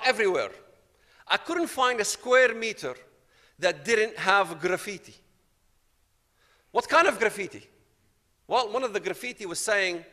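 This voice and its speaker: A man from Palestine gives a personal testimony to an audience, telling his story dramatically and acting out the dialogue. His voice is high and sharp, with a long reverb tail.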